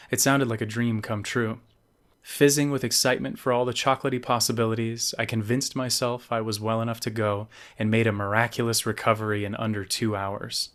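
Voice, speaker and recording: A man, the author, reading his own novel aloud as measured scripted narration. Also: medium pitch, a bit bright.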